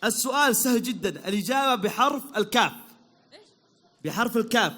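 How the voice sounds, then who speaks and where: A Saudi man hosting a quick quiz for a crowd, upbeat and teasing, repeating praise and calling out to the audience. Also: very high-pitched, lively intonation, sharp tone. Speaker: quiz host at a public event.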